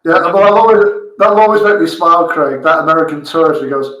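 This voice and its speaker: A man chatting casually on a podcast, quizzical and quick to laugh along with the others. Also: a little high, a bit bright. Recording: roomy echo.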